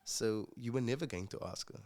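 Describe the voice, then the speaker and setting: Gravelly man telling his story. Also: medium pitch, a little mellow. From South Africa. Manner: earnest, reflective, halting restarts. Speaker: musician guest. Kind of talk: casual personal storytelling.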